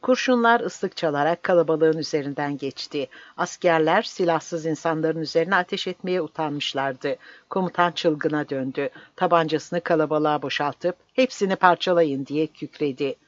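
A narrator reading a novel aloud in a measured, dramatic way. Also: medium pitch, no echo. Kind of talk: audiobook narration. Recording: slightly dull dry recording.

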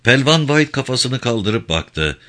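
A man narrating a novel in a measured storytelling way. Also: medium pitch, big pitch swings, bright, forceful tone. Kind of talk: audiobook narration.

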